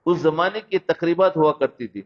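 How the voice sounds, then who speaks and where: A man giving a sermon, telling stories about childhood and often asking his listeners whether they follow. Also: a little high. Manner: storytelling, asks listeners "understood?". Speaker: Islamic preacher. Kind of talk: sermon with storytelling. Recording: dull lo-fi recording.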